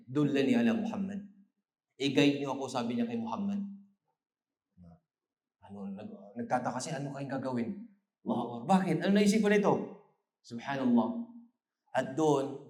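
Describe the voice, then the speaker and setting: A man's voice: medium pitch, roomy sound. A man giving an Islamic lecture after evening prayer. He tells the story with Arabic phrases and rises to emphatic peaks. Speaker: preacher.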